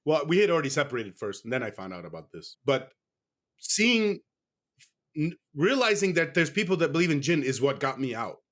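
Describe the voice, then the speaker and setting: A man from the United States appears as a guest in a casual interview, speaking briskly in a fairly high, fairly bright voice with big pitch swings. He's candid and rambling, frequently stopping to correct himself.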